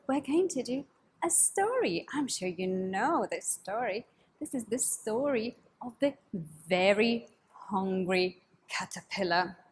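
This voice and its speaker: Female kids' yoga host: high, breathy voice, overbright party-host delivery, sing-song and coaxing, unhurried. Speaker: children's yoga teacher and story host. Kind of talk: kids' yoga lesson with storytelling.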